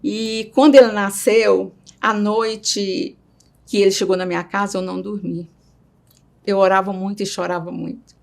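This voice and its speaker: In a mid-range, creaky and slightly mellow voice with fairly even intonation and moderate pace, a middle-aged woman with a Brazilian Portuguese accent recounts her own story as an interviewee. She speaks with much feeling, often adding a questioning "right?", in personal testimony.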